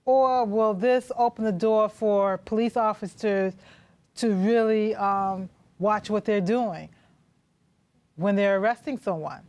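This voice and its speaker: A woman's voice: medium pitch, slow pace, a little mellow. A woman hosting a live community TV talk show from a studio, talking casually and inviting callers.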